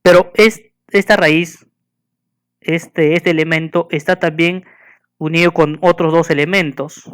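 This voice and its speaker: A man giving a school lesson, patiently asking the listener questions and slowly spelling and counting things out. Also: a little high, fairly even intonation, clear, resonant tone. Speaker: teacher.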